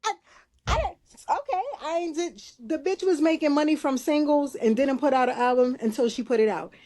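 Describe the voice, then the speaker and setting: A woman co-hosting a casual podcast chat, thinking out loud with restarts and emphatic asides. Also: high-pitched, moderate pace. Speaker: podcast co-host.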